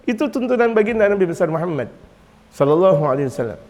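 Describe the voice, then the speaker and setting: A man preaching a sermon to a congregation, animated, moving between soft explanation and loud exclamations. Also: sits high, quick pace. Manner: lively, swings from quiet to loud, chuckles often. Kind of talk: Islamic sermon in Indonesian. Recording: long hall reverb.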